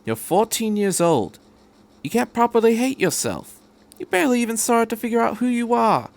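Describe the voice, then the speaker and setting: A man reading fan fiction aloud as an energetic, eccentric, reassuring time traveller who makes earnest, emphatic speeches. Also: extremely high pitch, gravelly, pitched above the performer's own voice, full character voice. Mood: impassioned, insistent. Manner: emphatic, rapid repeated words, earnest speechifying.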